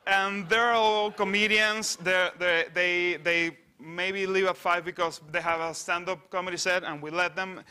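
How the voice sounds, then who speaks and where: Man, bright tone, wry halting conference talk. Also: sits high, level tone, smooth. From Venezuela. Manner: wry, halting, many filler restarts. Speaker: conference speaker on satire news site. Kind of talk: conference presentation. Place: conference stage.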